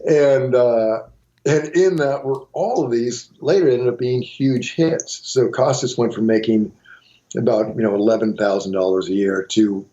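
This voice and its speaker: A middle-aged guitarist and songwriter from Montana, USA, tells rambling stories with many restarts in a casual interview. His mid-range voice is warm and a little slow, with a lo-fi sound.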